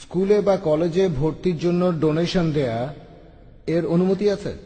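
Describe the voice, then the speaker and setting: A man from the audience puts a short question to the speaker. His voice sits a bit high yet sounds mellow. The hall adds a long, trailing reverb. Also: measured pace. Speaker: audience member asking a question. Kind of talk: asking a question at a lecture.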